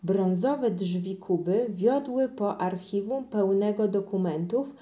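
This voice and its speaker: Woman reading a children's story, mellow. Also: takes it slowly. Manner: lively, voices children's lines higher.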